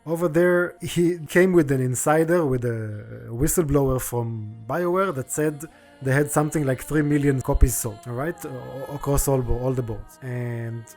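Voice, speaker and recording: A man co-hosting a casual podcast, amused and quick to laugh. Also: mid-range voice, darkish tone, faint music behind. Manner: amused, laughs while reading quotes. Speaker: co-host.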